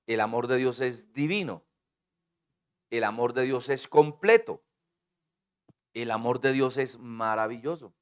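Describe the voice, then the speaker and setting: A man preaching a sermon to his congregation, swinging between booming declarations and hushed asides and calling on the listeners to repeat his words. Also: measured pace, pauses often. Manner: calls on the congregation to repeat and respond. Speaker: pastor.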